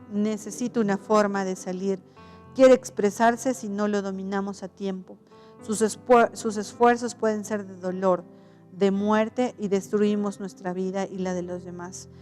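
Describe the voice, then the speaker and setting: A woman's voice: mid-range voice, fairly even intonation, a little slow, a little mellow, faint music behind. A woman pastor giving a conversational sermon, often restarting her sentences, adding tag questions and acting out quoted voices.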